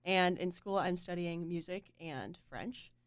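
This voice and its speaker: Young woman, guitarist, giggly chatter, low-ish voice, dry sound. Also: unhurried, clear, resonant tone, no echo. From Charlotte area, North Carolina. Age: young adult. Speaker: guitarist, guest. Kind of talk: casual interview chat.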